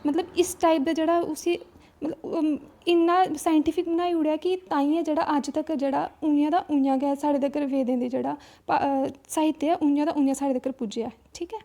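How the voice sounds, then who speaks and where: With a Dogri accent and a high, mellow voice, a woman teaches an exam-prep lesson step by step. She speaks a little fast with fairly even intonation, often pausing to check in and restarting her sentences.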